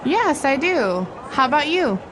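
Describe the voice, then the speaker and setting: A woman's voice: high voice, sing-song, a little slow. A woman playing a polite commuter making small talk in a scripted textbook dialogue, with vehicle noise behind her. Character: friendly woman working in the city. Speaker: dialogue actor.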